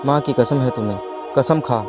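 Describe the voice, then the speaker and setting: A man's voice: medium pitch, moderate pace, music in the background, natural voice. A man voicing a scheming young man who insistently threatens and frightens a girl, in a storybook reading. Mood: menacing insistence.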